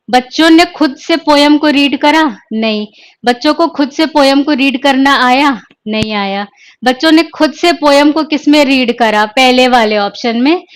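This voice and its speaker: A woman teaching an exam-prep lesson online, explaining step by step and mixing English terms into her talk. She keeps asking questions and answering them herself. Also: sits high.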